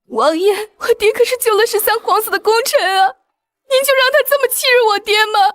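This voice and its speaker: An actress playing a tearful, self-pitying young concubine who pleads and whines. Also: female voice, very high-pitched, a little fast, fairly bright tone, no room sound. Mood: pleading. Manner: pleading, weepy. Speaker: prince's concubine.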